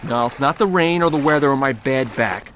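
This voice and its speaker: A man's voice: mid-range voice, fairly quick, a bit bright, slight background noise. A man hosting and reporting from the field in a wisecracking, upbeat comic style.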